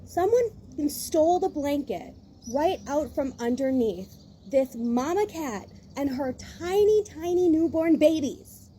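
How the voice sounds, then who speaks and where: A woman vents in a casual, rambling rant, circling back and restarting her sentences as her exasperation builds. Her voice sits a touch high but has a mellow, warm tone. Faint background noise sits behind her phone-mic recording. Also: expressive, takes it slowly. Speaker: vlogger.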